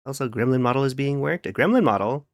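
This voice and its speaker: A fast-talking man with a mid-range voice and lively intonation chats with live-stream viewers, giggling playfully and humming and scatting to himself while he works. The audio is clean studio sound with no room sound.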